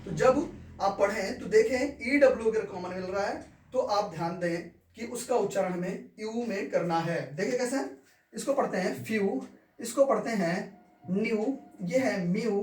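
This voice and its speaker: A man's voice: high-pitched, normal speed, a little mellow. A man teaching English pronunciation, repeating each word and asking questions. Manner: repeats words and asks the class questions. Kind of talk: classroom lesson. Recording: echoey room, far from mic.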